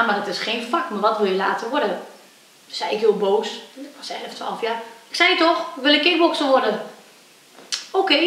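A young adult woman, a kickboxer, tells her personal story in an interview and acts out the voices she quotes with lively energy. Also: mid-range voice, distant mic. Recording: echoey room, voice from off-mic, faint hiss.

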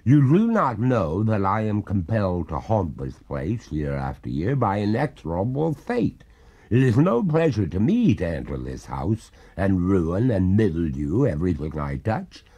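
Guy doing a gurgly old lady ghost, slow and stately, kinda distant, husky. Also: low voice, big pitch swings, mellow, full character voice. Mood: indignant. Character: haughty drowned maiden ghost, two centuries old.

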